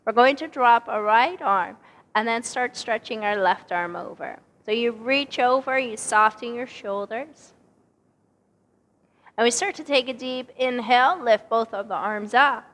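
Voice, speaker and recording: Hoarse woman calmly leading Pilates. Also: a little high, unhurried, long reverb tail. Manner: calm, steady cueing of breath and movement. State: hoarse, partly lost voice. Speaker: Pilates instructor. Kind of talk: guided exercise instruction. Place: exercise studio.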